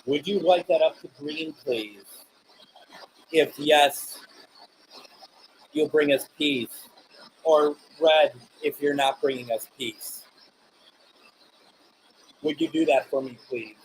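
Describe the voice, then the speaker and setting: A man hosting a live paranormal session, speaking earnestly and haltingly, with frequent restarts. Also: on the high side, a little hiss or hum, low-quality recording. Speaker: host.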